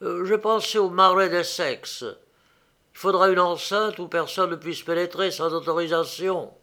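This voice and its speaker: A man's voice: high-pitched, steady tone, measured pace, sharp tone, voice pushed up, full character voice. A man reading an audiobook aloud, voicing an ardent young male inventor who speaks eagerly and with emphasis.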